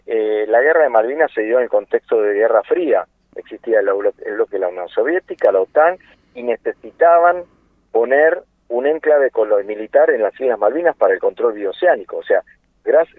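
An Argentine man of about sixty talks over a tinny, phone-like line with no room sound. He speaks with conviction, pausing on fillers and throwing out rhetorical questions. His pitch sits in an ordinary middle range. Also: husky, no echo. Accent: Argentine Spanish. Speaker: interview guest, political activist. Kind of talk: impassioned political phone interview. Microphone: telephone.

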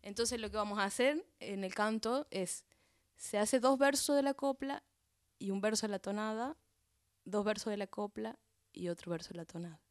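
A woman's voice: medium pitch, moderate pace, no echo, clean studio sound. Hesitant Argentine woman explaining folk song. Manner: hesitant, searching for words with many fillers. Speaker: folk singer guest. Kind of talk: explaining a folk tradition on radio.

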